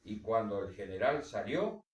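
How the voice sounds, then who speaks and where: Man reading a story with lively swings. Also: moderate pace. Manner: dramatic reading with strong swings in pitch and volume. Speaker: reader. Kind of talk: literary reading. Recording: roomy echo, distant mic.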